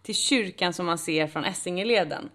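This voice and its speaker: A woman's voice: fairly low pitch, fairly bright tone. A woman from co-hosting a casual podcast, rambling through a prepared segment with many fillers. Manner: rambling, many fillers and restarts, laughs easily. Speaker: podcast co-host.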